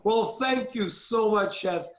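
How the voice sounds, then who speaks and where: A man hosts, effusive and gracious, asking slow, deliberate questions. His voice sits high. The audio is roomy. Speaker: host. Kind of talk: live-stream interview.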